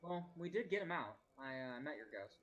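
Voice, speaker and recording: A man's voice: on the high side, expressive, normal speed, fairly bright tone, dull audio. Wry, joking man playing a tabletop game. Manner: wry, joking, crude banter. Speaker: player. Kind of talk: in-character tabletop role-play.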